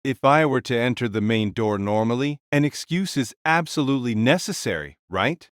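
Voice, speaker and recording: A man's voice: medium pitch, expressive, moderate pace, no room sound, clean studio sound, lightly acted. Man acting as a hearty giant conqueror king. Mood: argumentative. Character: giant jovial ancient conqueror king spirit, boisterous. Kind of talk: fan audio drama acting.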